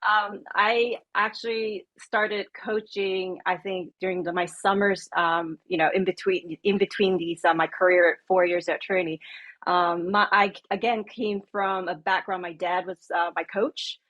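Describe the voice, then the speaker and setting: A woman in her late thirties from Malaysia, speaking on a coaching panel in a halting way with many pauses and easy laughs. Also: on the low side, steady tone, a bit bright, muffled recording. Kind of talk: panel discussion.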